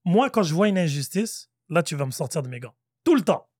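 A man with a Quebec French accent talks fast in a slightly raised voice, a guest in a casual podcast chat. He tells his stories with animation and acts out every exchange. The sound is close and dry. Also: fairly high pitch, no room sound. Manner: animated storyteller, acts out dialogue. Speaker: guest, real estate broker.

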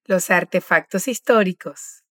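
A woman teaching pronunciation, patient and encouraging as she models words slowly for the learner to repeat. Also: lowish voice, fairly bright tone, dry recording, clean studio sound. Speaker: language teacher. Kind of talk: pronunciation drill lesson.

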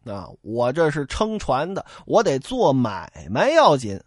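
A man's voice: medium pitch, wildly swooping pitch, measured pace, no room sound, clean studio sound, voice pushed down. Sly ruffian boatman, taunting and greedy; a man performs him in a storytelling piece. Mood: mocking. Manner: sneering, taunting.

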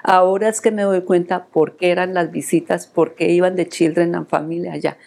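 Older woman, low pitch, mellow dark tone, earnest faith testimony, emotional telling. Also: steady tone, normal speed, gravelly. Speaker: interviewee.

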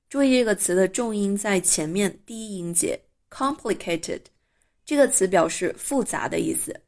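Woman slowly modelling English pronunciation. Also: medium pitch. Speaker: English teacher and podcast host. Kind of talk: bilingual language lesson.

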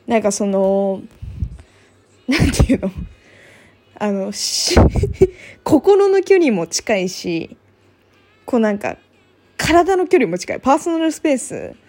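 A young woman tells a personal story in a loose, chatty vlog style, packing her talk with fillers and acting out what others said. Her pitch sits a little high and swings widely. Her tone stays mellow and soft-edged. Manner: chatty, many fillers, acts out quoted remarks. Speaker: vlogger. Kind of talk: casual storytelling monologue.

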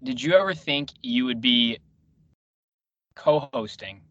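A man's voice: mid-range voice, fairly quick, fairly bright tone, no echo. A man hosting a casual sports radio chat, wry and teasing, talking a lot. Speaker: radio show host. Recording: muffled lo-fi audio.

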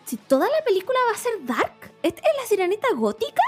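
A woman's voice: very high voice, huge pitch swings, fast, soft background music. A young woman with a Chilean accent co-hosting a casual podcast, talking in slang and laughing often. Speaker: podcast co-host. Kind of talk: casual chat.

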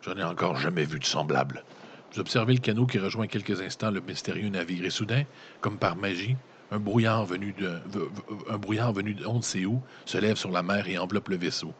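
A man with a Quebec French accent and a very deep, low voice reads an adventure gamebook aloud. He keeps stopping to toss in loose, slangy jokes to his listeners before picking the narration back up. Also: fairly quick, a little hiss or hum. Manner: breaks off narration with joking, slangy asides. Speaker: gamebook reader and player. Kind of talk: reading a gamebook aloud with casual commentary.

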